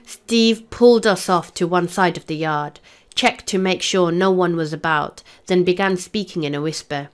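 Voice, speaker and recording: A woman English teacher reading a novel aloud to her class in a steady storybook manner. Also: on the low side, moderate pace, clear, resonant tone.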